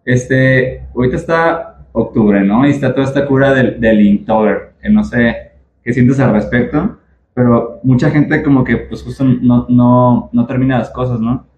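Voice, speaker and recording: A man's voice: medium pitch, moderate pace, a little mellow, echoey room, dull audio, a little hiss or hum. A man hosting a podcast, asking questions in a chatty, informal way with slang fillers, recorded in a booth at a festival. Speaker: podcast host. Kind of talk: casual interview.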